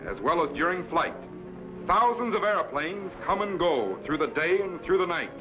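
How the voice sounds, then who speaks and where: An actor playing an authoritative, courteous time-traveling captain who lectures formally in the declamatory style of a 1950s TV sci-fi serial. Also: male voice, on the high side. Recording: dull, lo-fi vintage broadcast recording.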